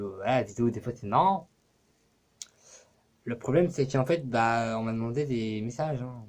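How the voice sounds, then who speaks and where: Speaking to his camera for his own channel, this YouTuber has a medium-pitched, somewhat dark voice. He talks casually and rambles, curses, and leans heavily on filler words.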